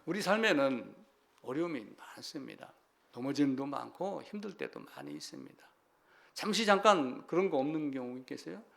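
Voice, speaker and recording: A male pastor preaching a sermon in a lively, animated way, acting out people crying out to God. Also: medium pitch, creaky.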